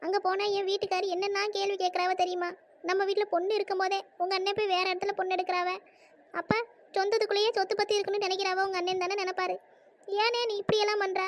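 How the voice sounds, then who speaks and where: Squeaky, indignant village sister. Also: flat delivery. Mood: bitter. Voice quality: high squeaky cartoon voice. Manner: fast, scolding, emotional. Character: indignant middle-aged village woman, the sister. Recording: dull lo-fi audio.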